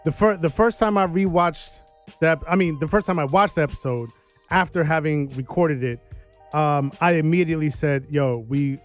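An American man with a slightly high voice talks as a podcast co-host, music faintly behind him. His barbershop-style chat is slangy, opinionated ribbing that keeps asking for agreement. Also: moderate pace.

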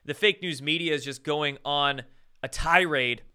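A man's voice: fairly high pitch, unhurried, bright, forceful tone, clean tone. A male host doing live-stream commentary, ranting with sarcasm and frequent swearing.

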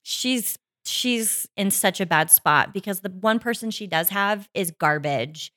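A woman's voice: mid-range voice, lively intonation, measured pace, a bit bright. A woman co-hosting a podcast in casual chat, emphatic and opinionated, swearing freely. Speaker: podcast co-host.

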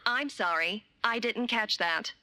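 A woman voicing an automated office phone menu, with a measured, polite, impersonal delivery. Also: a little high, sharp tone. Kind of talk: recorded phone menu announcement.

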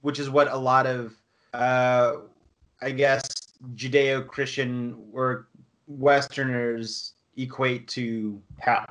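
A man's voice: mid-range voice, level tone, takes it slowly, a bit bright. A man in casual chat, rambling as he explains, with lots of restarts and fillers.

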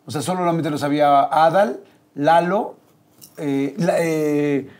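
A man's voice: a little high, slow pace. A man with a Mexican accent telling an anecdote as a guest in casual chat, acting out the quotes. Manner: animated, acts out quotes. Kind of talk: casual storytelling.

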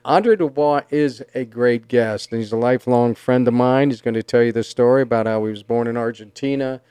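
Upbeat male podcast host with a smooth voice. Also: medium pitch, a little fast, mellow, dry recording. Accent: Southern Californian. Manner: upbeat, promotional. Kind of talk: casual interview chat.

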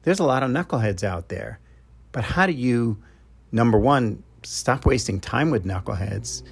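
Animated and gravelly with a breathy edge, a middle-aged New Yorker with a New York accent speaks at normal speed and medium pitch. As a love coach, he delivers a loose advice monologue to his podcast listeners, peppered with "uh" and restarts.

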